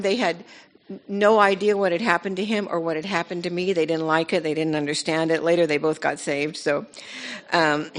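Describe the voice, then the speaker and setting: A middle-aged woman giving a personal testimony in a sermon, telling her story earnestly and warmly with many restarts. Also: lowish voice. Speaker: guest speaker at church, pastor's wife.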